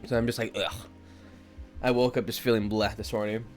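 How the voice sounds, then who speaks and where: A young male art streamer with a stuffy nose chats casually with viewers at home while he draws, rambling and leaning on lots of fillers. His voice is fairly low and level in tone, slightly fast and a little mellow, with faint music in the background.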